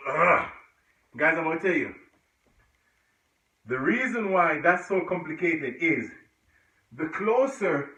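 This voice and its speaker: A man's voice: fairly high pitch, pushed and bright. A man leading a home workout, chatty and encouraging, sometimes out of breath and grunting between exercises. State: out of breath at times. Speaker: fitness instructor. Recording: echoey room, far from dull mic.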